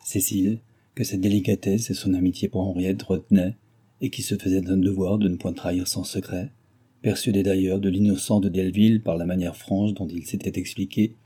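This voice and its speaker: A man narrating a classic novel as an audiobook, in a measured storytelling manner. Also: deep voice, little pitch movement, dark tone, breathy edge. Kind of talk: scripted literary narration.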